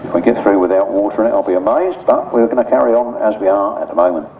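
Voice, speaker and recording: A man's voice: fairly low pitch, lively intonation, quick pace, reverberant. A man giving live motorsport commentary and results, with colloquial, wry asides, over a trackside announcing system. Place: outdoor grasstrack circuit, commentary over speakers. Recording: muffled, noisy trackside PA from far off. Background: loud engine and vehicle noise.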